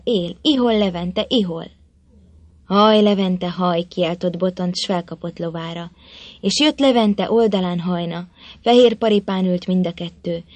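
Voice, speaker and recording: A woman narrating an old tale with an expressive, measured reading. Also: fairly low pitch, no room sound. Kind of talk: storybook narration.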